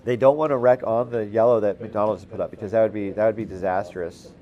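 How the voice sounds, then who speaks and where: A man calling a curling game as commentator, relaxed and halting, with lots of fillers and restarts and the odd dry aside. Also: lowish voice, lo-fi sound. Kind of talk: play-by-play commentary.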